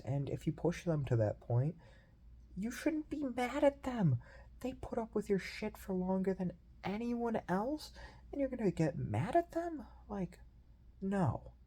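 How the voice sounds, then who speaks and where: A young man talking through a personal video diary in a reflective, rambling way, with many fillers and pauses. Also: on the high side, mellow, husky. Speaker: video journal host.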